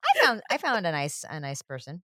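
A woman's voice: deep voice, wildly swooping pitch, brisk, a bit bright, dry recording, studio quality. A young woman co-hosting a casual chat, gushing and self-mocking about a TV scene. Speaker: podcast co-host. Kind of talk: casual chat recapping a TV show.

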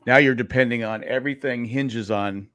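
A man's voice: medium pitch, normal speed, a bit bright, dry recording. A man co-hosting a podcast in casual chat, rambling along with many stammered restarts. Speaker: podcast co-host.

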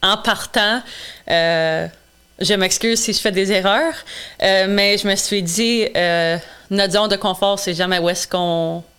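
A Quebec woman in her twenties, a native English speaker and charity founder, is a guest answering interview questions. Her mid-range voice is steady, slow, fairly bright and clean, and she replies earnestly with frequent hesitations.

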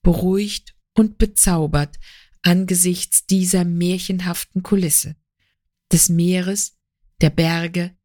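A woman narrating a literary story as an audiobook in a calm, measured way. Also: fairly low pitch, dry recording, studio quality.

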